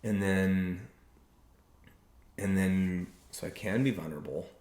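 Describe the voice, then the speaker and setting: The host of a relationships podcast has a low-pitched, darkish voice. His casual talk is earnest and deliberate, delivered slowly, and the room is echoey with a little background noise.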